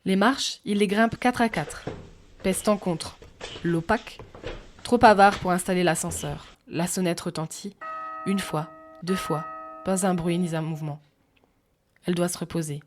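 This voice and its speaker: A woman calmly narrating a sleep audiobook in an even voice. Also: fairly low pitch. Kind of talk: soft sleep-story narration. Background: faint music.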